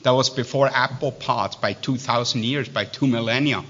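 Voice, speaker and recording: Here a Swiss-accented preacher reads scripture in a plain manner yet keeps slipping into halting tangents, with many fillers and restarts. His bright, urgent voice sits at medium pitch with fairly even intonation, and the audio sounds muffled and lo-fi.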